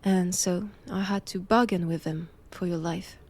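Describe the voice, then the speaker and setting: Playing a grave, resolute Vatican nun on the hunt for vampire lore, a woman with a French accent delivers her lines in a hushed, deliberate way. It's an intimate audio roleplay; her voice sits lowish and her tone stays steady and assured.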